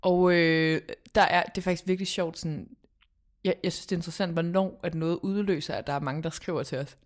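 A woman's voice: lowish voice, steady tone. A woman chatting casually and emphatically as a podcast host. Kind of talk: casual gossip chat.

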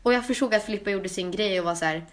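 A young woman co-hosts a casual podcast chat. She tells her stories with animation, dropping English phrases and the odd swear word along the way. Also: medium pitch. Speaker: podcast co-host.

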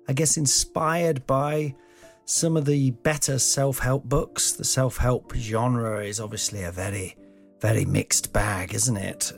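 A podcast host with a slightly croaky male voice rambles alone on his show, drifting between thoughts in a chatty, self-deprecating way and swearing now and then. He's at home in an old house using a podcast mic with no pop shield, while faint music plays quietly underneath.

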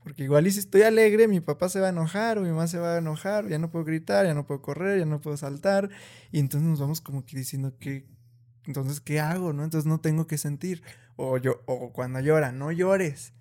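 A man with a mellow, slightly high voice, talking slowly and thoughtfully in a relaxed conversation. He pauses often on fillers and suddenly lifts his voice to mimic a strict parent. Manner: acts out scolding parents in raised voice; slow and deliberate, many fillers. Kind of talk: reflective casual conversation.

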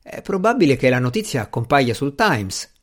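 A man's voice: mid-range voice, very animated, normal speed. A man voicing a fussy, anxious middle-aged magician in an audiobook, fretful and possessive in his pleading. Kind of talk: audiobook character reading.

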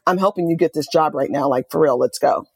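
Fast and low-pitched with a creaky edge, a middle-aged author and music journalist from Oakland tells stories enthusiastically in a conversational interview. She's animated and uses quoted asides. Slight background noise can be heard.

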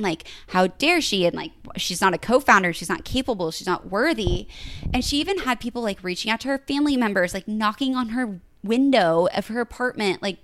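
A woman's voice: medium pitch, dry recording. Young woman podcast co-host, chatty storyteller, lots of "like", dry closely miked sound. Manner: chatty, fills speech with "like". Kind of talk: casual chat, retelling a story.

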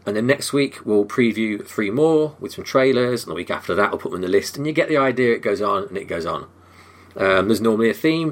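Husky-voiced male podcast host. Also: mid-range voice. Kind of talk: casual podcast chat.

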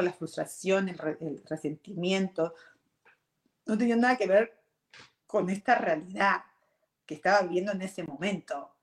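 A woman gives a reflective personal talk on meditation and emotions. She talks earnestly, restarts phrases often, keeps checking in with "ok?" and slips in English words. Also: on the low side. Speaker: meditation and self-growth speaker. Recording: roomy echo.

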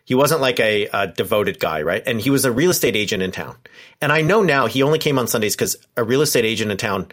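A man in his forties from Southern California tells stories in a casual conversation. His pitch swoops widely, and he acts out the voices of people he quotes. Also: fast. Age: 40s. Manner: animated storyteller acting out quoted voices. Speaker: professor and former pastor.

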